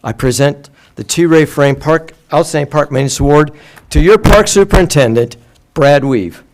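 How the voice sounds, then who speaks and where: A man reads a prepared tribute at a city council meeting, keeping a steady, measured pace. The delivery is plainly scripted and formal. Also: a little high, very noisy. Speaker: city official presenting an award.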